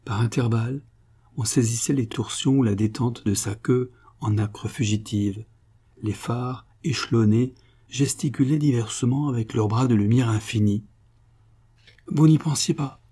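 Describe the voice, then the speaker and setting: A male audiobook reader narrating a literary novel, measured and expressive. His voice is dark and mellow, with a husky edge. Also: mid-range voice.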